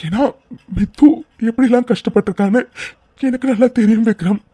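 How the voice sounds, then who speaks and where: Actor voicing a cartoon young man, earnest, explaining, warm mellow voice. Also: medium pitch, brisk, husky, no room sound, lightly acted.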